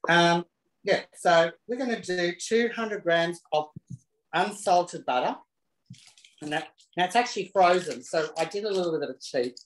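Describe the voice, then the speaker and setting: Speaking at a normal speed in a voice that sits high, a man hosts a relaxed live cooking demonstration from his home kitchen. He's chatty and camp with cheeky asides, recorded on a camera he set up himself amid a roomy kitchen echo.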